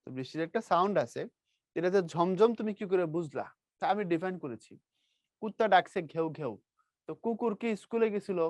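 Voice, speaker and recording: A man teaches a grammar lesson, his voice pitched a little high. He teases and quizzes his students as he goes. The sound is dry and close, with no room around it. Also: brisk, no echo. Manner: lively, teasing, quizzes students.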